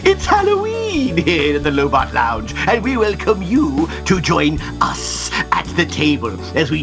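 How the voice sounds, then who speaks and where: A man playing a spooky horror host, welcoming guests in a drawn-out, theatrical delivery. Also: a little high, full character voice.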